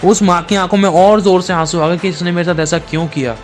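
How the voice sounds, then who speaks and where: A man's voice: high voice, steady tone, fast, faint music behind. A man preaching a sermon, telling a dramatic story and repeating his phrases for emphasis.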